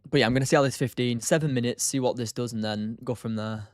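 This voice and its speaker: A man speaks close and dry into a desk mic, his tone tired and loose as he thinks out loud. He drifts between half-finished thoughts and quick replies to his chat. Faint music hums behind him. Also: medium pitch, fairly even intonation, no room sound. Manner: thinks aloud, trails off, answers chat. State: tired, short on sleep. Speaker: streamer, day trader. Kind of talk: casual live-stream commentary.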